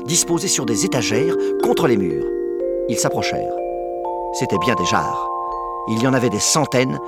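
A man narrating a children's story aloud in a clear, measured way. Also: mid-range voice, very animated, loud music behind the voice. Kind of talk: audiobook narration.

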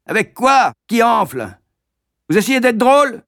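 A man's voice: high voice, moderate pace, no room sound, clean studio sound, voice pushed up. A man voicing a bristling, strict male schoolmaster who barks orders at pupils in a storybook reading. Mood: bellowing. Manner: barking, shouting.

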